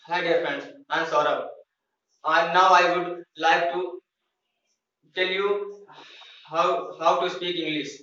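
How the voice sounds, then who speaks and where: Earnest young Indian student, echoey room. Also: male voice, a little high, steady tone, very slow, pauses often, sharp tone. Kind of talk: classroom speaking practice. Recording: echoey room from far off, dull sound.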